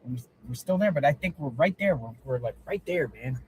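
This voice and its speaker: A man's voice: medium pitch, expressive, a little fast, low-quality recording. Man rambling over dashcam-style road noise. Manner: rambling, repeats himself. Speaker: livestreamer. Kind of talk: casual livestream chat from a car. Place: inside a moving car.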